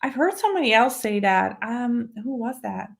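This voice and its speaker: A woman in her thirties talks in a raised register with plenty of creaky fry. Her delivery is casual and chatty, a little hesitant in its phrasing, as she co-hosts a live stream. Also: on the high side, big pitch swings, moderate pace. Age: 30s. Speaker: online book channel co-host.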